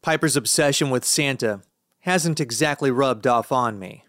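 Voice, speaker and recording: A man's voice: medium pitch, moderate pace, a bit bright, no echo. Male audiobook narrator, first-person, sardonic delivery, mid-range voice, dry close sound.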